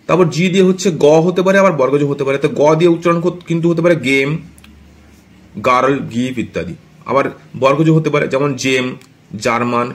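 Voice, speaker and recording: A man with a fairly high voice talks fast through an English pronunciation lesson given in Bengali. He keeps checking that his students follow, and he slows down on each example word so they can copy it. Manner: checks in often with a tag question; slows down to spell out example words. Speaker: English teacher.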